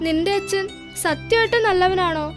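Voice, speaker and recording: A woman dubbing a cheeky, soft-hearted ten-year-old boy in a film, with a pleading childlike manner. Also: very high voice, normal speed. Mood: comforting. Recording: film soundtrack with loud music.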